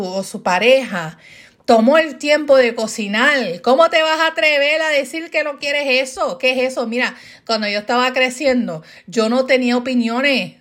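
Middle-aged woman, high voice, casual vlog monologue, animated ranting, rhetorical questions. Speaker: vlogger.

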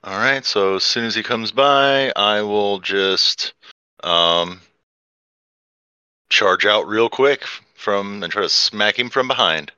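A man's voice: on the low side, slow, sharp tone, smooth, no echo, highs cut off. A man playing a tabletop role-playing game, talking through his moves with fillers and the odd swear. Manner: hesitant, swears, many fillers. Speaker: player. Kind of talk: tabletop game play, casual.

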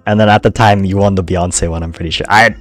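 A man's voice: low voice, steady tone, fast talker, fairly bright tone, soft background music. A young man co-hosting a podcast, easygoing and chuckling in casual chat. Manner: easygoing, chuckling between remarks. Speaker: podcast co-host.

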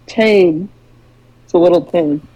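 A young man hosting a comedy podcast, reading fake news in a deadpan way. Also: high voice, slow pace, rough recording. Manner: deadpan mock-newsreader delivery. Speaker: podcast host.

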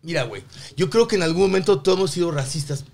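A man's voice: fairly high pitch, lively intonation, quick pace, darkish tone. A man from Mexico with a Mexican accent, chatting on a podcast in heavy slang and swearing emphatically. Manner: slangy, profanity-laden, emphatic. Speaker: podcast co-host. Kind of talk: casual chat.

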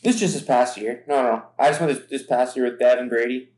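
A man's voice: medium pitch, fairly quick, a little mellow. A man co-hosting a podcast in casual chat, telling stories in a rambling, stop-start way. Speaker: podcast co-host. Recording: echoey room.

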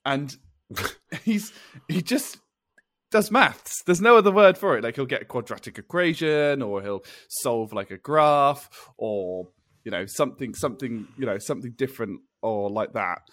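A man's voice: medium pitch, lively intonation, normal speed, a bit bright, dry recording. A man co-hosting a podcast in casual chat, rambling and laughing often as he explains things. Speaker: podcast co-host.

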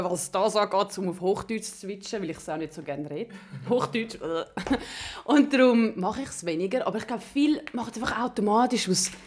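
Podcast host: woman, casual and chatty, lively asides. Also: medium pitch. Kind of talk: casual chat.

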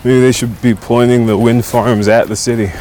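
A man's voice: medium pitch, flat delivery, moderate pace, warm tone, slight background noise. A man co-hosting a podcast, telling stories in casual chat while walking outside, wry and laughing mid-sentence. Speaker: podcast co-host. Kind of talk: casual storytelling chat outdoors.

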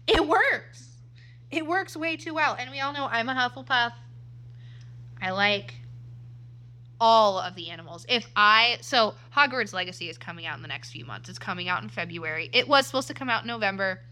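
A woman in her twenties co-hosts a casual podcast, her slightly high, expressive voice sharp in tone and at normal speed. She rambles and self-corrects, laughing often, while positioned too close to the mic.

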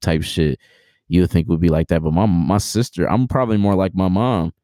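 A man in his twenties, a podcast guest, talking in a relaxed, rambling, slangy way with many fillers and restarts. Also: low-pitched, a little fast, no room sound, clean studio sound. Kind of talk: casual interview chat.

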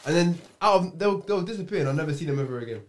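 A man's voice: a little high, lively intonation, very fast. A man with a London roadman accent and street slang, chatting casually on a podcast.

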